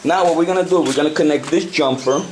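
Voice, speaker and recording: Speaking haltingly and repeating and correcting himself along the way, a Puerto Rican man whose first language is Spanish demonstrates something hands-on in a relaxed amateur radio tutorial. His pitch sits on the high side, and the camcorder audio is noisy.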